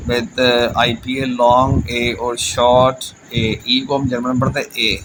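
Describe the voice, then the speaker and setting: Male teacher, unhurried, mid-pitched voice, steady background noise, repeats words for students. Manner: repeats each word slowly, frequent filler checks. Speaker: German language teacher. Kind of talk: explaining vocabulary lesson.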